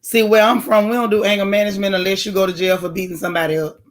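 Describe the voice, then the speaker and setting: A woman with a heavy, loud, bass-tinged voice, hoarse right now, hosts a casual livestream and answers chat comments. She talks directly and emphatically, racing along with little pitch movement.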